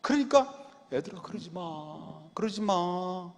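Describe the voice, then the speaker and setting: A man acts out an aging priest who scolds his sons too gently. He speaks softly and coaxingly in a slightly raised voice with a lively, swooping melody. Long church-hall reverb trails each phrase. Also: on the high side, moderate pace, a little hiss or hum. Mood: gentle pleading. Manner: soft, coaxing pleading tone. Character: old male priest, mild and indulgent father.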